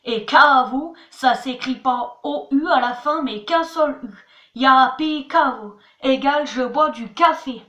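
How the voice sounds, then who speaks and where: Speaking slowly in a high, sharp-toned voice, this woman runs a chatty, homemade language lesson for her channel. She spells words out one letter at a time and repeatedly uses "voilà" and "attention," and the room echoes.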